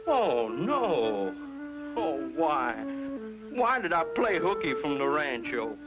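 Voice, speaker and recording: A fretful middle-aged rancher, emphatic and quick to fluster, with a slightly high voice. The voice plays over music on a dull, lo-fi cartoon track. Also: male voice, big pitch swings. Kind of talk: 1950s cartoon voice acting.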